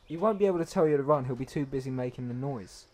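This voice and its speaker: A man with a medium-pitched voice joins in a group chat. His talk is casual and conversational. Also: quick pace, a little mellow.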